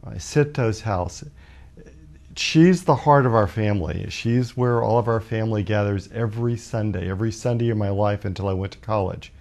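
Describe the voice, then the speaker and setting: A man in his fifties from Alabama, a guest author telling a personal story in a measured, reflective way with many pauses. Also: lowish voice, vocal fry, darkish tone. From Birmingham, Alabama, USA. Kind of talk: personal storytelling in a talk show interview.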